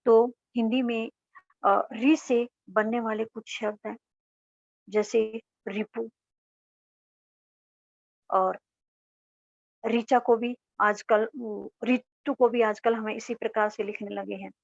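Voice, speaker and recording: A woman's voice: fairly high pitch, steady tone, slow, vocal fry, long pauses, dry recording. A woman teacher giving a grammar lesson, asking her class questions and answering them herself. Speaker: school teacher. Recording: dull, dry lo-fi recording.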